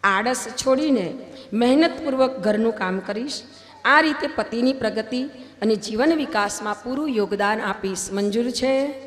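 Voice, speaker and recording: A woman's voice: fairly high pitch, moderate pace. A woman officiating a wedding at a religious gathering, reciting vows and preaching with emphatic, swelling delivery. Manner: emphatic, swelling louder on key points. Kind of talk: ceremonial vow recitation and preaching. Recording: long hall reverb, faint music.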